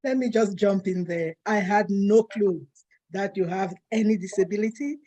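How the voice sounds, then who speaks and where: A woman's voice: mid-range voice, moderate pace, dark tone. A woman from Cameroon, speaking earnestly and emphatically as a co-host in a panel discussion.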